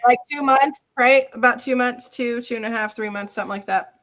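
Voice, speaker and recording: Chatty, animated woman host. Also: fairly high pitch. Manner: animated, chatty, quick asides. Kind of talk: casual chat.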